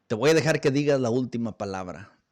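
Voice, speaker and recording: A man's voice: medium pitch, animated, a little fast, a little mellow, no echo, clean studio sound, close to an everyday voice. A man voicing an old-time king, formal and commanding. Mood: regal. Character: old-time king, stern then merciful.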